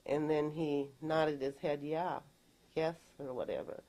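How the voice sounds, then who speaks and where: Deposition witness: middle-aged woman, deep for her sex, halting plain retelling. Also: steady tone, dark tone. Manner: plain, halting recounting with many "and I says". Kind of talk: recorded legal deposition testimony.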